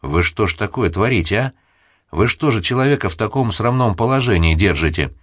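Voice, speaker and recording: A stern old village woman who scolds everyone around her, read by a man. She is reproachful and blunt, and her low voice is recorded close and dry for an audiobook. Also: lively intonation, a little fast, no room sound. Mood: scolding.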